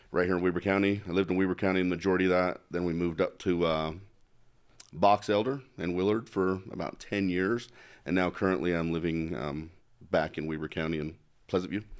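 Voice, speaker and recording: A middle-aged congressional candidate from Utah speaks bluntly in a casual interview, using many fillers. His voice is low, clear and resonant.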